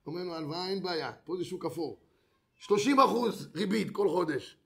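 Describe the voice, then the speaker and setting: Man, high voice, animated sermon storytelling, acts out dialogue. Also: vocal fry. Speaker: rabbi giving a Torah lesson.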